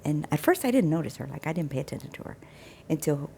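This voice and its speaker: Woman, casual storyteller, dark gravelly voice, chatty testimony. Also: low voice, big pitch swings, fast talker, a little hiss or hum. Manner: chatty, acts out quoted dialogue with restarts. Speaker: vlogger sharing a faith testimony.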